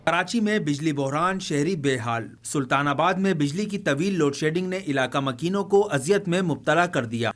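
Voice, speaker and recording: A man reporting in a formal, measured news voice-over. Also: on the high side, animated. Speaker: field reporter.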